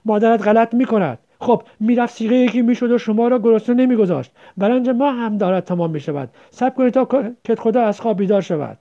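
Man doing cranky middle-aged village woman, snappy and loud, mellow dark tone, lo-fi. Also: extremely high pitch, hardly any pauses, voice pushed up. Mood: impatient. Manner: scolding, curt. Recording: dull lo-fi recording.

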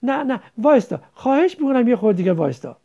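A male narrator doing a trembling, guilt-ridden man, pleading and agitated. The voice is high and gravelly, with a mellow tone and wide swings in pitch. The recording sounds dull and lo-fi. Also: lively intonation. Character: remorseful, nervous man trembling with tension.

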